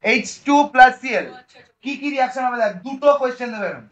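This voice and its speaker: A man teaching chemistry in a classroom lecture, lively and coaxing, often checking that the students follow. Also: very high-pitched, fast, muffled recording.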